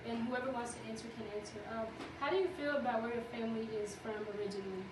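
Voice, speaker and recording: Young woman interviewer, chatty, says like a ton, highish voice, far off noisy room. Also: fast. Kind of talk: casual interview. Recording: echoey room, distant mic, noisy.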